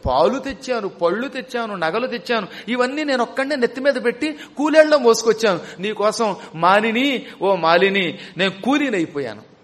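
A male storyteller voicing a vain, lustful male commander who woos and boasts in a slow drawn-out way. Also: high-pitched, lively intonation. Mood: fawning boastful. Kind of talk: storyteller acting a character.

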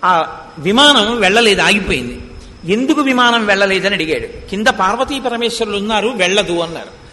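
A man's voice: high voice, animated, fairly quick, bright, forceful tone. A man giving a devotional discourse who retells scripture stories, acts out the dialogue and chants verses. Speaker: religious discourse speaker. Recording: long hall reverb.

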